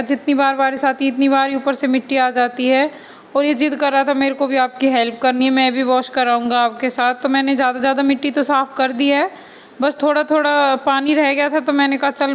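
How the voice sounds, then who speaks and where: A woman's voice: sits high, poor audio. A young woman casually chatting to viewers as a vlogging mother, explaining her housework around the house and courtyard. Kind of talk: casual home vlog chat.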